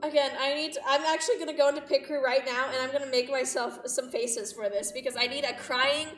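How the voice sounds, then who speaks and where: With a high, slightly bright voice and fairly even intonation, this game streamer talks fast while livestreaming a visual novel. She chats, reads aloud, and reacts with exaggerated, playful drama. The mic is distant, the room echoes, and music plays in the background.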